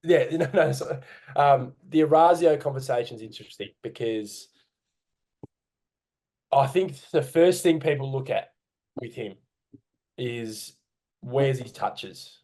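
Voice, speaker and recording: A man's voice: medium pitch, unhurried, pauses often, dark tone. A man with an Australian accent co-hosting a casual sports podcast, rambling and correcting himself as he talks from home. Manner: rambling, hesitant, self-correcting. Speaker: podcast co-host. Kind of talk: casual chat. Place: home room.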